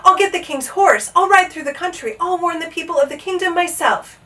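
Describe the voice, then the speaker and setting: A woman's voice: sits high, animated, moderate pace, bright, forceful tone, recorded from a distance, voice pushed up. A woman voicing an earnest, alarmed young boy in a storybook, exclaiming with breathless urgency. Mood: determined. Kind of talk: animated storybook character voice.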